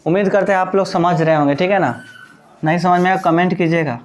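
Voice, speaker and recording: A high-voiced man talks fast, with a little hiss or hum on the recording. He's an English teacher running a classroom grammar lesson, blending Hindi with English terms. He explains by putting questions to the class and then answering them himself.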